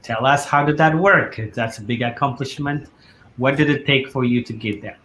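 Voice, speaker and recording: A man's voice: mid-range voice, normal speed, slight background noise. Encouraging male talk show host. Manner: encouraging, warm praise of guests. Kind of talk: interviewing guests.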